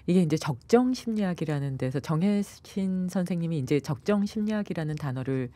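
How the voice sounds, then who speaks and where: A woman meditation and yoga expert talking on a radio show, animated and acting out the people she quotes. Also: fairly low pitch, fairly quick, no echo. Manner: animated, acts out quoted voices. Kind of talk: radio talk interview.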